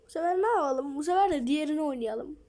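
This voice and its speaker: A woman's voice: high voice, expressive, quick pace, mellow. A woman hosting her gaming channel, jumpy and self-mocking, talking to herself through a horror game at home. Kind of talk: horror game let's play commentary.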